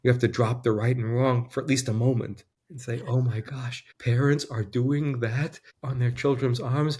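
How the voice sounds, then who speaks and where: A man's voice: mid-range voice, steady tone, normal speed, a little mellow, breathy edge. Earnest man speaking with emotion. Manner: earnest, tearful at times. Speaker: guest. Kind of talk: emotional conversation.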